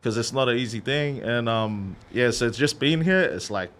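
A man's voice: medium pitch, normal speed. A man from Australia with an Australian accent, a guest DJ telling stories in a casual podcast interview in a studio. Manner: relaxed storytelling with slangy asides. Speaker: guest DJ and remixer.

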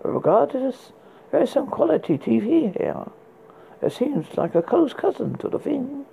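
A performer playing a spooky horror host, reading recommendations in a husky, gravelly voice with a halting, stumbling delivery. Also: high-pitched, very animated, lo-fi sound, slight background noise, exaggerated voice. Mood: playfully macabre. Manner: halting read with stumbles and repeated words. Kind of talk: scripted horror book and film recommendations read as a horror host.

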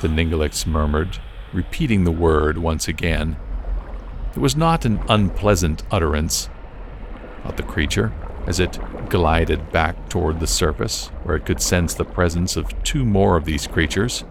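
A man narrating an audiobook in a slow, measured storytelling manner. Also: low-pitched, noisy background. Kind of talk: scripted narration.

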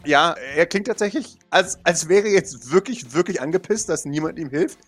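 A man's voice: fairly high pitch, moderate pace, soft background music. A man running a tabletop role-playing game as game master, narrating playfully and laughing often.

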